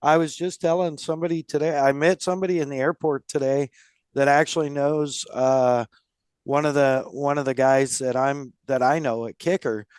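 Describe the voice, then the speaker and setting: A man's voice: medium pitch, fairly even intonation, moderate pace, darkish tone, clear, resonant tone, dry recording, studio quality. A man hosting a casual podcast, friendly and loose, laughing often. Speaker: podcast host.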